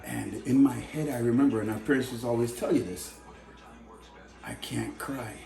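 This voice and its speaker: A man's voice: medium pitch, moderate pace, vocal fry, faint music behind. A man from Canada telling an emotional personal story in casual conversation, acting out the voices of people in it. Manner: emotional, animated, acts out quoted voices. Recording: echoey room.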